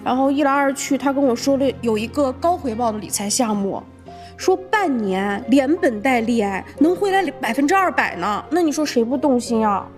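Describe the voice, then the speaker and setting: An actress playing a volatile woman defendant in a crime drama, defiant and shouting. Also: expressive, moderate pace, faint music behind. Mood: bitter pleading. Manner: shrill, defiant, shouting and sobbing. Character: volatile middle-aged woman defendant, combative.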